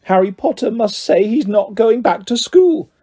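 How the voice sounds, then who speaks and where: A tiny, anxious house-elf as performed by a male reader pleads in a very high, husky voice. He is servile and deferential, yet stubborn, with a soft mellow edge, straight out of a fantasy audiobook. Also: animated, normal speed. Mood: sad, insistent. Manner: speaks of himself in third person, deferential. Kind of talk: audiobook character voice.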